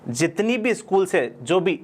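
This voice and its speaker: High-voiced Indian man teaching a lesson. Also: very animated, unhurried. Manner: explains step by step, asks and answers his own questions. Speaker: spoken English teacher. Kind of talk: classroom lesson in Hindi.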